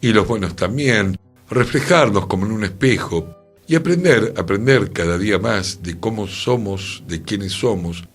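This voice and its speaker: Speaking at normal speed with lively intonation, an Argentine-accented man hosts a cultural radio talk from a studio, reflective and conversational, as music runs underneath. His voice is lowish with a breathy edge.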